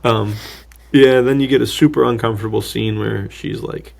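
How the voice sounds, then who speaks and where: With a fairly low, creaky, darkish voice and fairly even intonation, a man hosting a podcast recaps a film at a moderate pace. The chat is casual and jokey, peppered with slang and mocking impressions of the dialogue.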